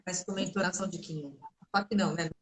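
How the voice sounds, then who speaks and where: A woman's voice: lowish voice, fairly even intonation, racing, low-quality recording. A woman guest speech therapist explaining in a conversational way on a video call, with many tag questions. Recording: faint noise and clicks on a call.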